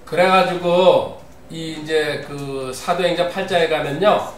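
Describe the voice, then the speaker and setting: A man's voice: a little high, a little slow, slight background noise. A man preaching a sermon as a pastor, reading scripture aloud and putting questions to the congregation. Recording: roomy, distant, faint ambience.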